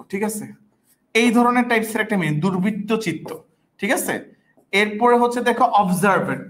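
A woman teaching a vocabulary class, repeating each word and often checking that students understand. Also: medium pitch. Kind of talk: online class lesson.

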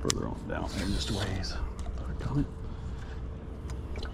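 Heavy background noise surrounds a low, measured, vocal-fry voice: an American angler and outdoor vlogger chatting folksily with viewers as he fishes from a kayak. The outdoor audio comes from an action camera at his chest or head.

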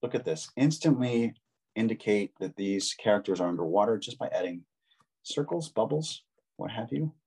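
A man's voice: fairly low pitch, lively intonation, normal speed, creaky, darkish tone, husky. A man giving a casual, encouraging draw-along lesson, chatting with children as he draws. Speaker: drawing instructor.

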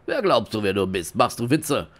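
A man's voice: very high voice, very animated, a little slow, fairly bright tone, no echo, voice pushed up, exaggerated voice. A man doing a blustering trader turned coward. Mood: threatening. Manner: brash threats, then whiny pleading. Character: blustering male market trader who turns cowardly. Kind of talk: reading game dialogue aloud in character.

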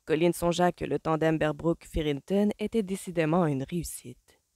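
A woman reading a novel aloud as an audiobook, with measured storytelling. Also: low voice, a little mellow, no echo, studio quality. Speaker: audiobook reader. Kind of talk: novel narration.

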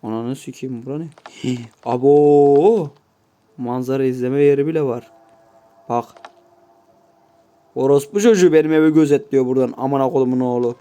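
A man's voice: medium pitch, quick pace, pauses often, mellow, smooth, highs cut off. A man giving casual gameplay commentary, swearing constantly and grumbling to his viewers in mock-offended asides. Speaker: gameplay YouTuber.

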